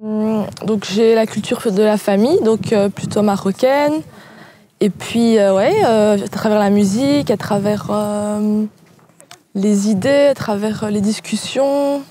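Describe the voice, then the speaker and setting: A woman from France answering interview questions hesitantly, with many pauses and fillers. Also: medium pitch, dark tone.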